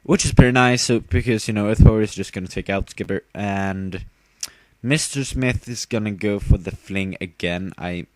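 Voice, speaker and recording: A man's voice: on the low side, normal speed, dry recording. A tired young man casually commenting on his own game battle, rambling with fillers and giggling at himself. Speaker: gamer narrating his battle.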